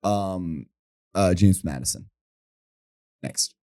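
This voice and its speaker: A man's voice: low-pitched, slow pace, mellow. A young man co-hosting a podcast, chatting casually and teasing his friends. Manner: joking, teasing banter. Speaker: podcast co-host. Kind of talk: casual chat.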